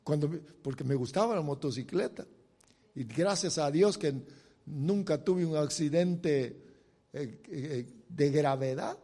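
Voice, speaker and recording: A man's voice: on the high side, a little slow, dark tone, long reverb tail. A middle-aged man preaching a sermon, retelling a Bible story dramatically and talking straight to the listeners. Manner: dramatic storytelling with acted quotes, direct address.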